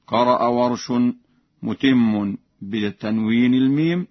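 A man teaching Quran recitation. He gives measured explanations, then chants the examples slowly and melodically. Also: mid-range voice, no room sound, muffled recording.

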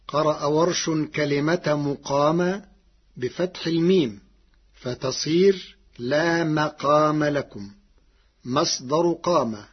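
A man teaching the variant readings of Quranic recitation in a slow, deliberate, measured lecture. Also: fairly high pitch, breathy edge, muffled recording. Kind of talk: scripted explanatory lecture.

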